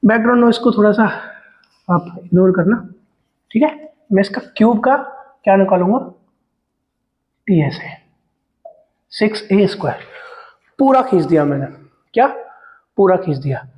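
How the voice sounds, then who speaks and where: A man's voice: sits high, expressive, normal speed, pauses often, highs cut off. A man teaching maths, working calculations step by step in a talkative way, calling his students "beta" and asking and answering his own questions. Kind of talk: explaining step-by-step calculations on a board.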